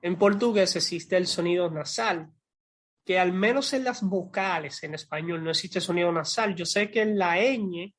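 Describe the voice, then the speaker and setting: A man's voice: high-pitched, moderate pace, a bit bright. A man from the Dominican Republic with a Dominican accent, chatting casually and animatedly about pronunciation, demonstrating sounds and laughing easily. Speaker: podcast co-host. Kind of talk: casual chat about language learning.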